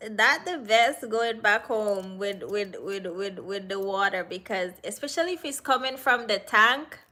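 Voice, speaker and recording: A woman's voice: mid-range voice, unhurried, bright, forceful tone. A woman from Jamaica with a Jamaican accent, chatting casually with viewers on a livestream, teasing them and answering their comments. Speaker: livestream host.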